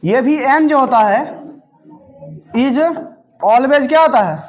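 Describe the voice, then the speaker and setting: A man's voice: very high voice, animated, slow pace. A man teaching a maths class, repeating terms word by word and often asking if the students have understood. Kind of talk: slow classroom lecture.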